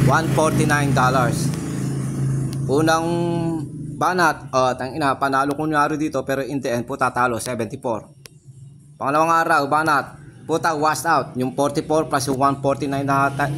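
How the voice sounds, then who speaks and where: A man's voice: fairly high pitch, noisy background. A young man with a Filipino accent, talking through his trading results in a casual vlog, frustrated, swearing often and repeating himself. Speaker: trading vlogger. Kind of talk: casual screen-share commentary.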